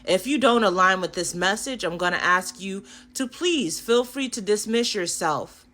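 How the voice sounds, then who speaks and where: A woman doing a spiritual card reading for her viewers, affirming and animated, often checking in with "okay?" and yawning now and then. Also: mid-range voice, normal speed. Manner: animated, affirming, frequent "okay?" tag questions. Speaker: tarot and oracle card reader.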